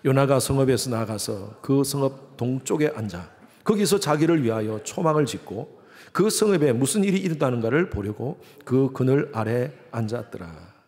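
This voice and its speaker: A man's voice: medium pitch, animated, normal speed, darkish tone. A man preaching a Sunday sermon in a church, putting questions to the congregation and acting out the voices of the people he quotes. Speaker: pastor. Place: church sanctuary.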